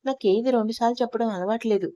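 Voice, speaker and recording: A blunt, bossy young don barks short orders in a gruff, commanding way, as a woman reads him in her own voice. The voice sits fairly high for him, with a dry, close sound. It suits a storybook audio tale. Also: fast, dark tone, no room sound, lo-fi sound, lightly acted. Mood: irritated.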